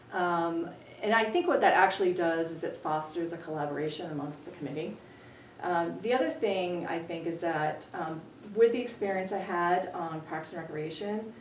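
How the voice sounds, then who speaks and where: A woman in her forties from New Hampshire answers interview questions in an earnest, measured way. Her fairly low voice echoes around a library room and sits well back from the microphone. A faint hum runs under the recording. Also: recorded from a distance. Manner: earnest, measured, with many ums. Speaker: town budget committee candidate. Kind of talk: local candidate interview.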